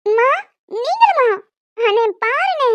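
A woman voicing a young wife and other women of a family in an animated story, with quick, expressive delivery. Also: very high voice, no echo. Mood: emotional chat. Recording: dry, dull lo-fi home mic.

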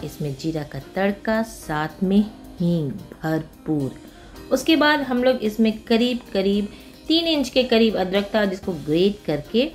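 Walking through a recipe step by step, a woman with an Indian accent hosts a cooking segment casually, slipping English words and phrases into her talk. She has a lowish, darkish voice, with music playing in the background.

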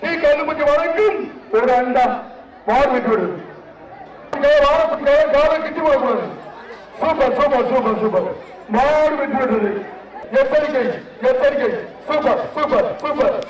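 High-voiced man announcing through a megaphone. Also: normal speed, distant mic. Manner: shouting repeated cheers, urging and counting the riders. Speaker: bullfight announcer. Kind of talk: live event commentary over a PA. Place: outdoor arena. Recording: echoey loudspeaker audio from afar, loud crowd. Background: loud cheering crowd.

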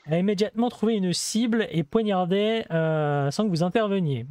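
A man's voice: sits high, fairly quick, a little mellow, no room sound, clean studio sound. A man hosting a gameplay video, casually explaining the game in a chatty way with many hesitations and asides.

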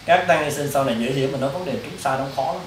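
A man's voice: medium pitch, very fast. A man, a Buddhist monk, giving a casual, rambling dharma lecture to monastic students, often asking them questions. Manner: rambling, repetitive, addresses listeners directly with questions. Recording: roomy, distant mic, faint background hiss.

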